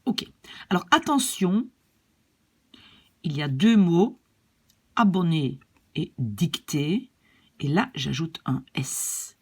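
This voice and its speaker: A woman teaches a language lesson at an unhurried pace, her voice slightly breathy. She explains patiently and keeps checking that her students follow. Her pitch moves a great deal, rising high on her questions. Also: lively intonation. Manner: patient, repeats and checks "d'accord?".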